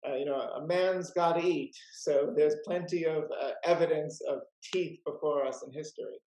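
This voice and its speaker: A man with a gravelly, slightly high voice hosts a casual chat over a video call. He rambles in a friendly way, with plenty of "uh" and "you know". The sound carries an echoey room. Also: normal speed, mellow. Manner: chatty, many "uh" and "you know" fillers. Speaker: rare book dealer and host.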